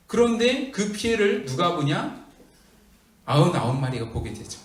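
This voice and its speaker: Male pastor, sermon, high voice, rhetorical questions, roomy church hall. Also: distant mic. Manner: rhetorical questions, emphatic storytelling.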